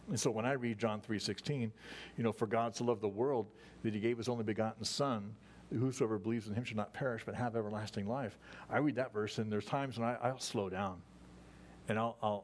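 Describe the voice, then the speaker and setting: A man's voice: on the low side, slight background noise. A man preaching a sermon to his congregation in a folksy, conversational way, often restarting his sentences. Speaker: pastor. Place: church service.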